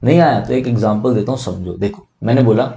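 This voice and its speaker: A young male tutor with a dark, mellow voice works through an exam vocabulary list. He explains in Hindi, mixes in English terms and drags out each English definition slowly. He spells words letter by letter and keeps asking what the word is called. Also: mid-range voice, lively intonation, gravelly. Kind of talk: exam-prep vocabulary lesson.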